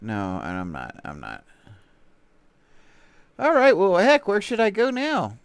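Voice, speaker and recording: A man's voice: high voice, wildly swooping pitch, takes it slowly, clean tone, no room sound. A man with a Texan accent hosting a casual livestream, rambling playfully and greeting viewers while he browses. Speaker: livestream host.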